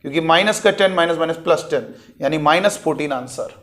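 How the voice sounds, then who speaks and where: A man's voice: on the high side, quick pace, fairly bright tone. A man teaching maths to exam students, working through a problem step by step and asking and answering his own questions, with spoken.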